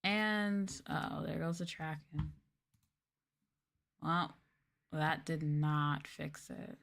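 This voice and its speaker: This VTuber's voice is low, extremely slow and fairly bright, with vocal fry. She rambles through a casual, soft-spoken livestream chat with her viewers, informal throughout and leaning on "like" and "y'all."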